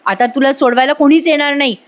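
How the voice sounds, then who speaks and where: A woman's voice: high voice, steady tone, fast talker, close to an everyday voice. A woman voicing a young man who firmly accuses a fraud. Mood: stern. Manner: firm, accusing.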